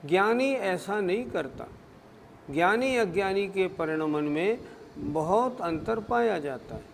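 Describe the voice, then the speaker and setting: A man's voice: high-pitched, animated, slow pace, creaky, long reverb tail, noisy background. A man giving a scriptural discourse as a religious scholar, explaining patiently and answering his own questions.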